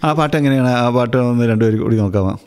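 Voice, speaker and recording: A man hosting a radio interview in a studio, asking measured, formal questions. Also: mid-range voice, darkish tone, clean tone. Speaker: radio host.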